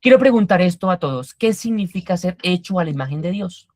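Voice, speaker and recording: Low-voiced woman teaching a Bible class. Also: lively intonation, a little fast, a little mellow, no echo, studio quality. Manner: quizzes the class and explains Greek words step by step.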